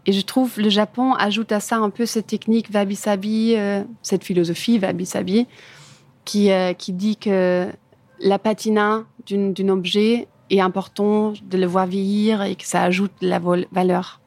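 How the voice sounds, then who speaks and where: A German furniture designer, whose native language is German, answers interview questions about her career casually in imperfect French, with a German accent and frequent searching for words. Her mid-range voice is a little mellow with little pitch movement, at a moderate pace and with no echo.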